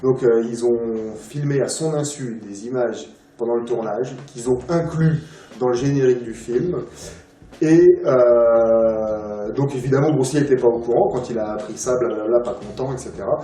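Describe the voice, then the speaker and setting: Speaking at a normal speed in a mellow mid-range voice, a film collector chats casually as an interview guest. His talk wanders, with lots of fillers and false starts, and the recording is roomy and distant, with music playing underneath.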